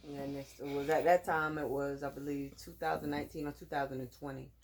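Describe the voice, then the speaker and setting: A woman in a casual chat, calmly explaining things and often adding short agreeing sounds. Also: deep voice, brisk. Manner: calm, explanatory, many backchannels. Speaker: co-host.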